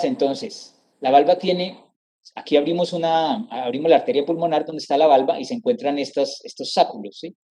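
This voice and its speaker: A middle-aged man with a mellow, mid-range voice delivers an anatomy lecture over slides. He explains step by step, repeats terms and frequently checks in with his students.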